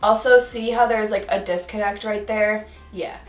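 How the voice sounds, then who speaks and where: A woman's voice: mid-range voice, fairly even intonation, moderate pace, echoey room, faint music behind. A young woman talking through a makeup tutorial in a chatty, giggly way with self-mocking asides. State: hiccups. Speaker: beauty vlogger.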